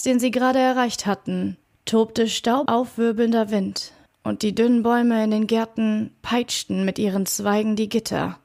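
Woman reading an audiobook, clear steady narration, kinda high voice. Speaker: audiobook reader.

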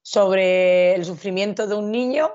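A woman's voice: medium pitch, measured pace, a little mellow. A woman co-hosting a podcast, chatting casually about films with many hesitant fillers. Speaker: podcast co-host. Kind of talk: casual film chat. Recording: dull lo-fi sound.

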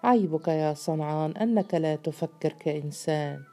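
Woman doing a gentle kind genie guy, low mellow voice, storybook reading. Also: moderate pace, soft background music, natural voice. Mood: calm. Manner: calm and gentle. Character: calm, kindly male genie spirit.

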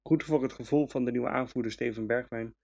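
A man's voice: mid-range voice, fairly even intonation, brisk, vocal fry, darkish tone. A man from the Netherlands giving an opinionated, emphatic match review as a fan podcast host, with frequent hesitations. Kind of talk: casual match review monologue.

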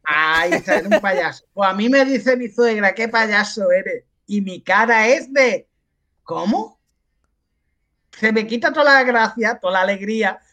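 A man's voice: high-pitched, animated, normal speed, hardly any pauses, pushed and bright. A man with an Andalusian Spanish accent, a podcast guest telling anecdotes in casual chat and acting out the voices of the people he quotes. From Andalusia, Spain.

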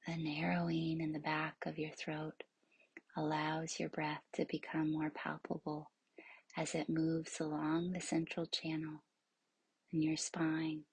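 This yoga nidra instructor has a very husky, breathy voice, frequently close to a whisper, and her delivery is low-pitched and completely flat. She speaks slowly, evenly, and soothingly, leaving long pauses; the audio is poor, with no room sound.

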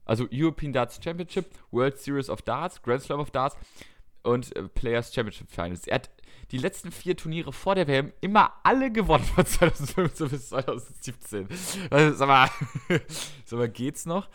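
A man's voice: medium pitch, lively intonation, brisk. Chatty man co-hosting a darts podcast. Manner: rambling, self-correcting, lists results at length. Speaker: podcast co-host. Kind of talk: casual chat about darts.

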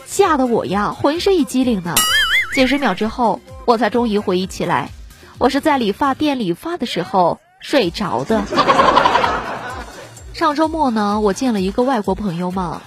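A young woman telling jokes on air, with a lively delivery, often laughing and acting out voices. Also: on the high side. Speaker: comedy storyteller.

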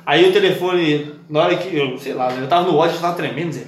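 Young man, podcast co-host, slightly high voice, teasing banter, echoey room. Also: fast talker, slight background noise. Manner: joking, teasing, retells stories with voices. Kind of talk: loud casual banter. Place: room with several friends.

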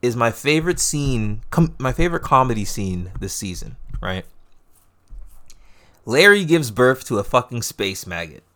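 A man's voice: medium pitch, measured pace. A man in casual podcast chat about a TV show, swearing freely and acting out scenes as he retells them. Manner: profane, animated retellings of scenes. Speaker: podcast co-host.

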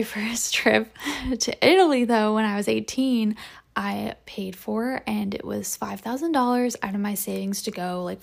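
A young woman in her twenties talks through a casual solo podcast in a loose, chatty way, dropping "like" and "um" often. Her voice sits mid-range, with a noticeable vocal fry running through it. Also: mid-range voice. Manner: chatty, with frequent "like" and "um" and soft laughs. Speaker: podcast host. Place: home room with a window to the street.

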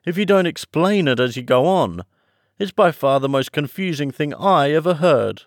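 A man voicing a mournful, sobbing Mock Turtle creature who complains insistently and sings slowly. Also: a little high, animated, dry recording, studio quality, pitched above the performer's own voice. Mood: fussy.

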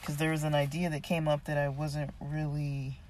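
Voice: mid-range voice, flat delivery, normal speed, darkish tone, a little hiss or hum. Someone whose voice is giving out, talking casually and unscripted about a book, hesitant and thinking aloud. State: losing voice, voice giving out. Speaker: reader discussing a self-help book.

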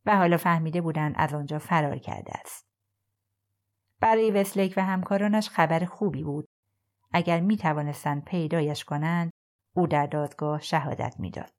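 A woman narrating a novel chapter for an audiobook podcast in a calm, even storytelling manner. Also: low voice. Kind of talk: scripted narration.

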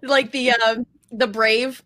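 A woman's voice: on the high side, flat delivery, takes it slowly, a bit bright, dry recording, studio quality. A woman co-hosting a podcast in casual, upbeat chat, laughing often. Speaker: podcast co-host.

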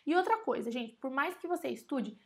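A woman with a Brazilian Portuguese accent and a high, animated voice teaches English in a casual online lesson. She's chatty, often speaks directly to her audience, and slows down to spell and repeat example words.

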